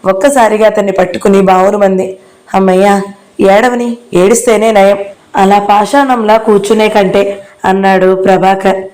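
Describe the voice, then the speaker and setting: A woman narrating a novel in a calm, unhurried way, her tone soft and mellow. She raises her voice a little when the characters speak. Her pitch sits in the middle range. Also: low-quality recording. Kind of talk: reading a novel aloud.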